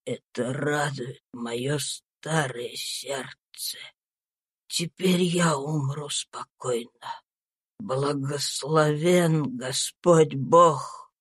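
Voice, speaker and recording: A woman's voice: low voice, breathy edge, no echo, studio quality, pitched below the performer's own voice, exaggerated voice. A woman voicing a dying, devout old male slave who speaks weakly and solemnly in an audiobook reading. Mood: faint, solemn. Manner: weak, faint, slow and solemn. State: whispery and breathless.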